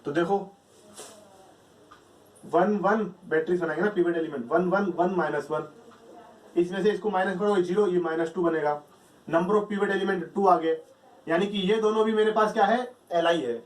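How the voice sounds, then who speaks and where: High-voiced man teaching math, echoey room. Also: normal speed, pauses often. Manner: explains step by step, asks and answers his own questions. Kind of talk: lecture. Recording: echoey room, distant mic.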